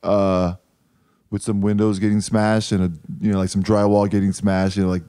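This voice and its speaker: A man's voice: lowish voice, normal speed, clean tone. A man guesting on a podcast, chatting casually and rambling with lots of "like"s. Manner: relaxed, rambling with many "like"s. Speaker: band member guest.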